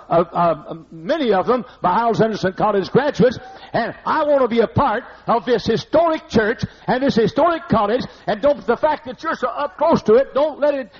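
An older pastor with a very high, husky voice delivers a sermon in a church sanctuary, speaking bluntly and conversationally while scolding the congregation in asides. The recording is old and muffled.

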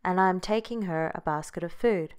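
A woman's voice: lowish voice, brisk, clean tone, close to an everyday voice. A woman voicing a timid, polite little girl in a storybook tale, earnest and wide-eyed.

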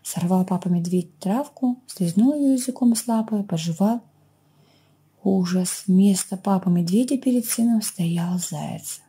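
A woman reading a children's fairy tale aloud in a gentle, expressive storytelling way. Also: medium pitch, measured pace, husky. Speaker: children's librarian reader.

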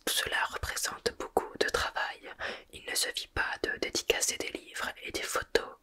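A woman voicing a vain, evasive middle-aged male wizard professor, whispering hesitantly in a whispered role-play. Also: sharp tone.

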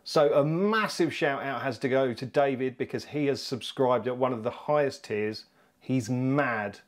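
A man's voice: medium pitch, a little slow. A man with a British accent presenting a home tech video in a chatty, upbeat, self-deprecating way. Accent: British English. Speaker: YouTube home tech vlogger. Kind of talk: casual presenting to camera.

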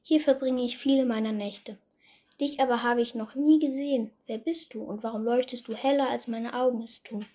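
Wise old owl, gently amused, read by a woman. Breathy, raised. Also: on the high side, fairly even intonation, moderate pace, natural voice. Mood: knowing. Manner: knowing, amused.

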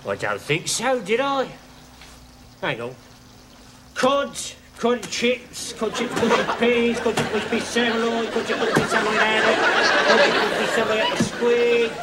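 Muddled chip-shop man, distracted repetitive patter, TV sketch with loud studio audience and noise. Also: very high voice, lively intonation, moderate pace, a loud crowd. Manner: repetitive muttered reciting, distracted. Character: muddled male chip-shop server calling out orders. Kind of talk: TV sketch comedy acting.

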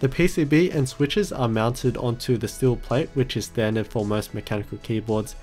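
A man narrates a product review as a voice-over. His pitch sits in the middle of the male range. He explains things in a matter-of-fact way, with music playing behind him. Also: normal speed, a little mellow. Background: background music.

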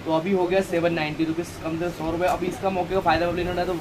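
A man in his thirties runs a housewares shop and shows his products in a casual, chatty way, drifting into preachy asides. His voice sits high with little pitch movement and a quick pace, and the crowded indoor shop is noisy, with traffic outside.

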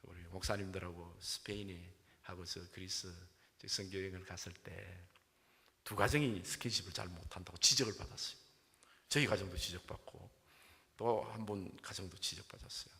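A man with a Gyeongsang accent preaches from the pulpit, his low, gravelly voice cutting through bright and forceful. He tells stories in an animated, folksy way. A long reverb trails each phrase through the church hall. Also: normal speed. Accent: Gyeongsang Korean. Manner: animated storytelling with folksy jokes. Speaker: pastor. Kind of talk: Sunday sermon. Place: church sanctuary.

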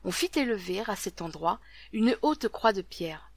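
A woman narrating an old legend as a scripted story, reading dramatically and dropping to a hush at tense moments. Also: medium pitch, expressive, a little slow, vocal fry, no echo.

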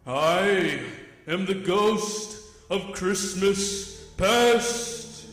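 A man's voice: high voice, very slow. An actor in a live staged radio drama playing a solemn, commanding male spirit with stately, declamatory delivery. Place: on a theatre stage. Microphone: stand microphone with pop filter. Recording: echoey hall with long reverb.

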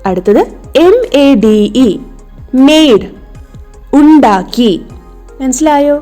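A woman with a Malayali accent tutors young children in English during an online lesson from a home tuition setting. Her fairly high, animated, mellow voice moves at a moderate pace over faint background music as she patiently spells words letter by letter and checks that they understand.

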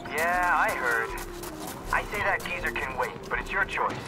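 A woman playing a lively young female friend who teases in an animated way. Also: deep voice, moderate pace, music in the background. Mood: teasing. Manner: teasing, animated.

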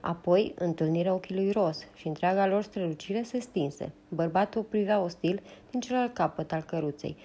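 Mellow-voiced woman reading an audiobook. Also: fairly low pitch, few pauses. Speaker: audiobook reader. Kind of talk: audiobook narration.

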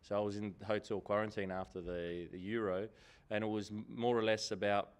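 Male coach, 40s, lowish voice, animated and repetitive at the press table mic. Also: brisk, clear, resonant tone. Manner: animated, repeats key phrases for emphasis. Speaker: head coach. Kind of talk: post-match press conference answers. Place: indoor press room. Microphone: table microphone in front.

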